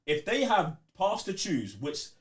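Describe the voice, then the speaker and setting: In an unhurried but very animated, high-pitched voice, a man with a London accent co-hosts a gaming podcast. The chat about video games is casual, and he's emphatic and slangy, repeating points to drive them home.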